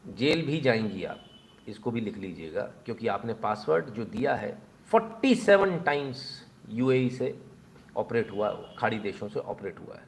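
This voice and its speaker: A man giving sarcastic news commentary in an animated voice, and he often speaks directly to the people he criticises. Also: medium pitch. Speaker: political commentator.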